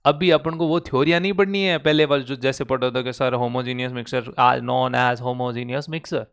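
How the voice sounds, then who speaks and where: A man with a medium-pitched, steady, unhurried voice, showing some vocal fry and a clear, resonant tone, gives a classroom lecture in an online class recording. He teaches chemistry in Hindi with a Rajasthani accent and constantly quizzes students with call-and-response questions.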